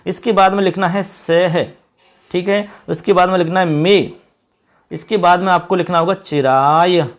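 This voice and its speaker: A man teaching a Sanskrit lesson in a casual, friendly way, repeating himself often and slowing down to spell out each word. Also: high voice, steady tone. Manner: friendly and repetitive, slows to spell out words. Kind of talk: casual Hindi video lesson.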